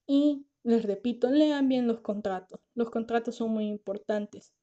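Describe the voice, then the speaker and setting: A slightly high, warm-toned woman hosts a podcast; she's a lawyer and author speaking to her listeners at a measured pace, casual, earnest and reassuring. Fatigue makes talking difficult for her, and she can't say her R well. The recording's highs are cut off.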